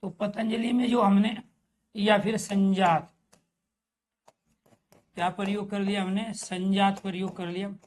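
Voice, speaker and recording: A man's voice: high voice, steady tone, measured pace, pauses often. Male grammar teacher, online class. Question-and-answer delivery, friendly direct address to students. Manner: asks the class questions and answers them himself; addresses viewers as dear friends.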